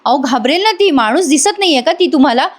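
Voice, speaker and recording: A woman's voice: sits high, normal speed, close to an everyday voice. A woman voicing a caring young wife who speaks earnestly and turns firm when defending a child. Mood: indignant.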